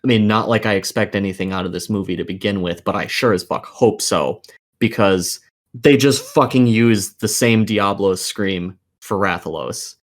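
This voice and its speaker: This co-host's lowish voice moves at a moderate pace on a casual podcast. He's profane, exasperated and emphatic as he airs strong opinions about games and films.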